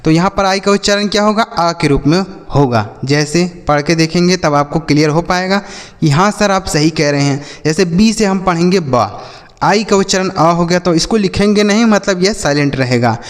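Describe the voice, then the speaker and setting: A man teaching English reading in a classroom style, asking his students questions and drilling each word slowly. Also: high voice, big-room sound. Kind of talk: classroom-style phonics lesson.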